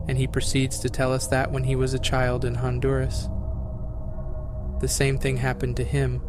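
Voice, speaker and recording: A man narrates horror stories in an almost completely level, droning delivery at a middling pitch. It is a scripted reading with no rise or fall in the telling. A steady hiss of background noise runs under the voice.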